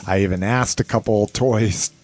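Male podcast host, lowish voice, informal and sweary, chatting off the cuff. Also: moderate pace, a little mellow, no room sound. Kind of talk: casual toy news chat.

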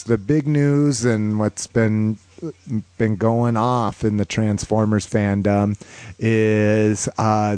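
A man's voice: lowish voice, darkish tone, no echo. A man hosting a podcast with casual, rambling, informal fan talk. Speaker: podcast host.

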